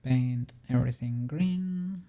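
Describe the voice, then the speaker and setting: A 3D modeling streamer chatting casually on a livestream and muttering quietly to themself while working. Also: mid-range voice, slow pace, highs cut off.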